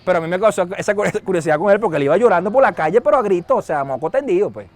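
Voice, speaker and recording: A middle-aged Venezuelan pastor preaching with a high, bright-toned voice. He tells stories in an animated way and raises his voice sharply when he acts out a scene. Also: very fast. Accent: Venezuelan Spanish. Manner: storytelling, animated, shouts when acting out a scene. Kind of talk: sermon.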